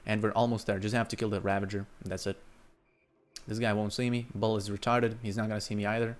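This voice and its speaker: A young man from Lithuania, streaming live gameplay commentary into a headset and talking to his chat, breaking into loud exclamations. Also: on the low side, flat delivery, fast talker. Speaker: gaming streamer.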